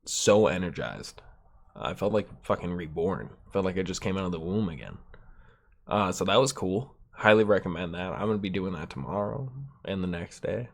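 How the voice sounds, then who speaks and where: A man's voice: sits low, moderate pace, gravelly. A man hosting a solo podcast, chatting in a rambling, laid-back way with lots of fillers and swearing, his nose stuffed up. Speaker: podcast host. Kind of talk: solo casual podcast chat.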